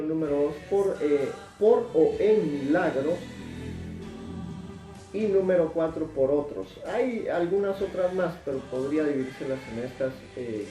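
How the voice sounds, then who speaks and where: A man's voice: on the high side, dark tone, echoey room, recorded from a distance, rough recording. A man teaching a Bible sermon in an emphatic way, repeating words for stress. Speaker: preacher.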